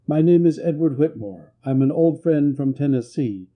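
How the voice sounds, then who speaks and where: A man voicing a polished, educated Southern gentleman who speaks in a pleading, apologetic way. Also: on the high side, animated, normal speed, muffled recording, close to an everyday voice.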